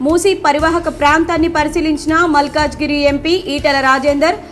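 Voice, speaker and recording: A woman with a high, clear voice reads the evening news headlines in a measured, formal way. Faint background music plays beneath her. She sounds like a local television anchor. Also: level tone. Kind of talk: reading headlines.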